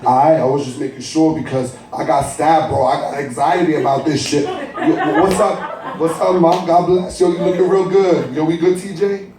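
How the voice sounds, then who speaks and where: A jumpy, hot-headed older brother, as a young man plays him barks curses and challenges in a voice pushed well above his usual pitch, all street swagger. It echoes through a cafe from a mic placed some distance away. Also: fairly even intonation, moderate pace, crowd noise, natural voice. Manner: aggressive street swagger, cursing.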